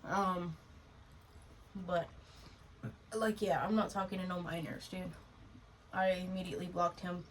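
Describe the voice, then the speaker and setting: A woman's voice: lowish voice, fairly even intonation, measured pace, pauses often. Twenty-something woman ranting casually, says dude a lot, sounds kinda far from the mic. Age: 20s. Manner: blunt, slangy, throws in "dude" and "bro". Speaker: podcast co-host. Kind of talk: casual chat. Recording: distant mic with faint noise.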